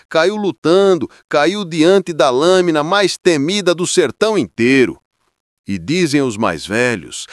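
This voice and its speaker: Male narrator for a dramatic tale, solemn, rhythmic, expressive melody. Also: mid-range voice, no room sound, studio quality. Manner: solemn, rhythmic listing with swelling emphasis. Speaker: storyteller.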